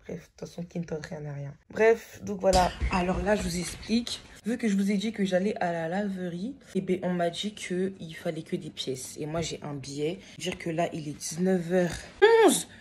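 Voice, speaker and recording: Late at night at home, a young vlogger talks to her phone camera in a rambling, casual way, full of fillers. Her voice sits on the low side and is a little mellow, at a normal speed with few pauses. There's slight background noise.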